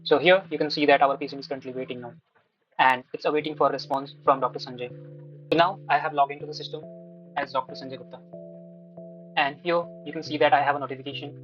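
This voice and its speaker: A man with an Indian accent giving a live software demo, explaining step by step in a halting way. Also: mid-range voice, steady tone, dull audio, faint music behind. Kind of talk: live product demo walkthrough.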